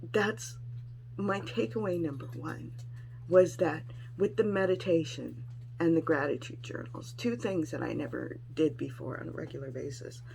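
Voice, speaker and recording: A woman's voice: low-pitched, creaky, a little mellow, slight background noise, rough recording. A middle-aged woman talking in a casual personal vlog, rambling and frank with some salty language. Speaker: vlogger sharing weight-loss surgery experience.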